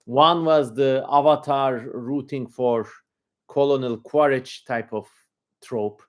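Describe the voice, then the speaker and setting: A man's voice: medium pitch, steady tone, slow. A man with a Turkish accent hosting a livestream, giving casual commentary in an informal, rambling way as he thinks aloud. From Turkey. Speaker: livestream host.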